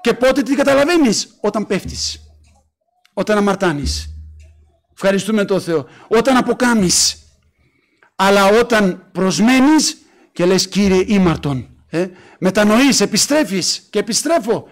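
High-voiced fervent Greek preacher. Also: male voice, lively intonation. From Greece. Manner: fervent preaching, calling out alleluia and asking questions of the congregation. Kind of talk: sermon.

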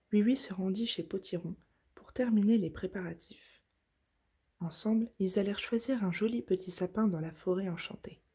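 A woman reading a children's story aloud in a soft, gentle voice, at times nearly whispering. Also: mid-range voice. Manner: soft, gentle and breathy, slow at tender moments.

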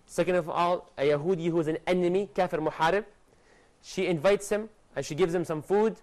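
A young man with a high voice leads a religious TV lesson for guests in a studio, animated and gesturing as he recites Arabic verses quickly. He's recorded on a lapel mic.

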